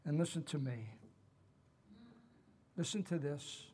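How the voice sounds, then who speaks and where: A man's voice: on the high side, slow pace, a little mellow, long reverb tail, a little hiss or hum. A middle-aged man preaching a sermon as pastor, earnest and emphatic, repeating key phrases.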